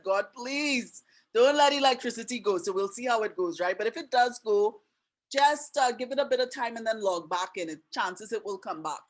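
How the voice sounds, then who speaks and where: A woman from Trinidad and Canada with a Trinidadian accent tinged with Canadian, hosting an online webinar in a chatty, friendly way with many asides, on a computer mic. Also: mid-range voice. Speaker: webinar host and teacher. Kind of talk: casual online webinar presentation.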